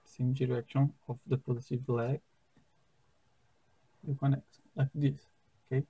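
A young man with a Brazilian Portuguese accent, a native Portuguese speaker, explains a simple circuit step by step in careful, halting English at a wooden table indoors. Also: medium pitch, little pitch movement, dark tone, slightly rough, rough recording. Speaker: science fair project demonstrator.

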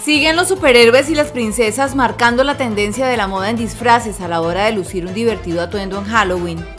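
A woman reporter reading a scripted news voice-over in an upbeat, even manner. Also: a little high, a little fast. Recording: music bed behind voice-over.

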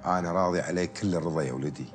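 An actor in his fifties playing a gentle, devout working-class father in a TV drama, with a Gulf Arabic accent and fatherly manner. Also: sits low, very fast, over music, natural voice. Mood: fatherly, calm. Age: 50s. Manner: fatherly, addresses listener as son, blessing phrases. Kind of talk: naturalistic TV drama acting.

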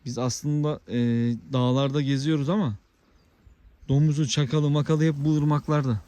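A man's voice: on the high side, steady tone, moderate pace, no room sound. A man talking casually to camera while walking his dog on a rural village road outdoors. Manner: calls out loudly to his dog. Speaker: vlogger. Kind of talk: casual outdoor vlog narration.

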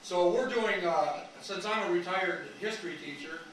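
An American man in his sixties with a Midwestern accent and a loud coach's voice, giving an informal, folksy talk to an audience without a microphone. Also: high-pitched, normal speed, recorded from a distance. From rural Wisconsin, USA. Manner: informal, folksy, rambling asides. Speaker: lecturer, retired history teacher. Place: community meeting room, indoors. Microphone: no microphone, picked up from across the room. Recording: echoey room from afar, faint noise.

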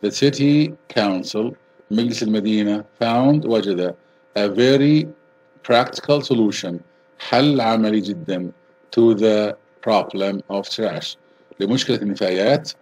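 Male English teacher. Slow, deliberate reading, fast translations. Low, husky voice. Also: a little mellow, rough recording. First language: Arabic. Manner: reads English slowly and clearly, translates quickly with fillers. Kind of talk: bilingual lesson, reading English lines and translating into Arabic.

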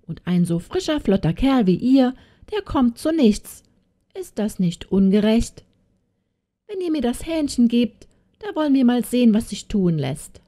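A woman voicing a greedy, flattering old witch with a cooing, sing-song voice. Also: on the high side.

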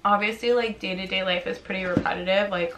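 A woman's voice: medium pitch, quick pace. A young woman vlogging from her living room couch, tired and chatty, talking casually and saying "like" a lot. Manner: relaxed, chatty, heavy use of "like". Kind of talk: casual vlog chat. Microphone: camera on a tripod. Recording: roomy home recording with faint hiss.

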